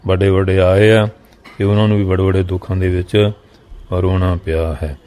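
Deep flat-voiced man explaining scripture. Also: normal speed. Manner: recites old verse lines, then glosses each in plain speech; addresses listeners directly. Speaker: Sikh katha preacher. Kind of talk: scripture exposition, reciting verse then explaining.

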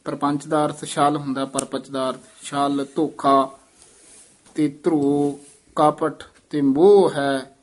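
A man teaching careful recitation of scripture, slowly repeating phrases syllable by syllable to correct pronunciation. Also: on the high side, little pitch movement.

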